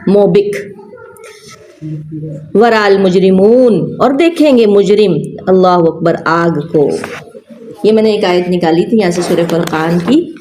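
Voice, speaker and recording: A woman teaching a tafseer lesson, often asking her students questions and repeating key words slowly. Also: mid-range voice, a little mellow, a little hiss or hum. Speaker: Quran teacher.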